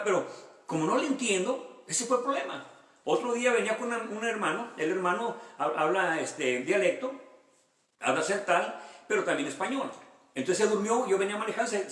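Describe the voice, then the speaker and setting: A male pastor leading a Bible study, reading verses aloud and explaining them in a conversational way with rhetorical questions. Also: high voice. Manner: reads verses aloud, then explains them with personal anecdotes. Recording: echoey room, voice from far off the mic.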